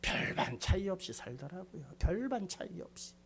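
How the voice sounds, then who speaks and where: A man preaching a sermon as pastor, swinging between hushed whispers and loud exclamations, repeating phrases and asking rhetorical questions. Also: sits high, big pitch swings, moderate pace, creaky, a little hiss or hum.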